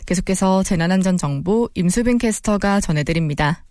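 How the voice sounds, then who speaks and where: A woman's voice: lowish voice, lively intonation, a little fast, a little mellow, dry recording, clean studio sound. A woman reading a scripted traffic bulletin as a radio reporter. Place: dry broadcast studio.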